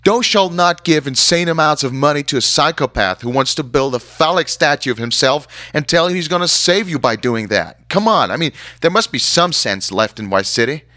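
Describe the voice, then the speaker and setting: A rambling sarcastic radio DJ. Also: male voice, a little high, lively intonation, normal speed, few pauses, bright, forceful tone, no echo. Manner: rambling, sarcastic, stumbling restarts. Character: rambling, irreverent male radio DJ. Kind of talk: radio DJ banter.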